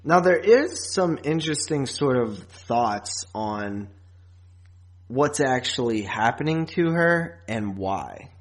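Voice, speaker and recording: A man with a medium-pitched voice and lively intonation speaks slowly while hosting a podcast. He chats casually about films, often restarting his thoughts.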